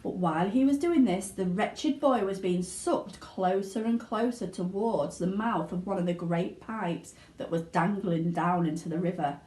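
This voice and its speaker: A woman reading a children's story aloud with dramatic, expressive narration. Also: fairly low pitch, unhurried, few pauses. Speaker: storybook reader, school teaching assistant. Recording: roomy indoor echo.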